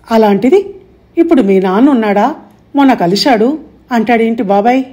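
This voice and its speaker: A woman narrating an audiobook story in a steady, measured way. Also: on the high side.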